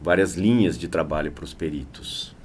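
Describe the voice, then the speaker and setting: Brazilian man co-host, very low voice, playful and joking, faint hiss. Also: moderate pace. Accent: Brazilian Portuguese. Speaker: podcast co-host. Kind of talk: casual podcast hosting.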